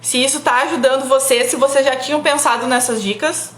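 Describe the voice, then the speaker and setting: A woman's voice: high voice, steady tone, a little fast, reverberant. A young woman from giving casual public speaking advice on a live stream, chatty and full of "tá?" tag questions. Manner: chatty, frequent "tá?" tag questions, laughs often.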